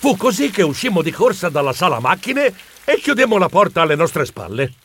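A man narrating a children's audiobook in an expressive, playful storytelling manner. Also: high-pitched, a little fast, a little hiss or hum.

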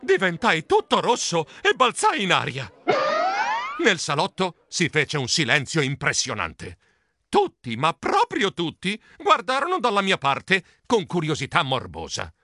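A man reading a children's storybook aloud in a playful, animated way. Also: on the high side, a little slow. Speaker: audiobook narrator.

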